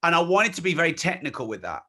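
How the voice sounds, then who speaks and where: Man, forties, slightly high voice, bright and forceful tone, blunt, swears a lot. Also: very animated, fast talker. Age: 40s. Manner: emphatic, blunt, swears freely. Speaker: interview guest. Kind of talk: candid conversational interview.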